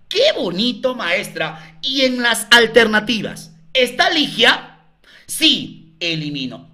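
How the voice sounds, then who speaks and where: A man's voice: very high-pitched, bright, forceful tone. A Peruvian man tutoring math in a live online class, coaxing viewers with repeated questions to the chat.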